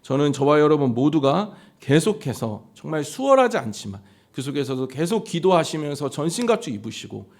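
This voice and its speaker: A man's voice: normal speed, few pauses. A male pastor preaching a Sunday sermon and telling stories from his ministry. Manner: storytelling sermon with lively pitch swings.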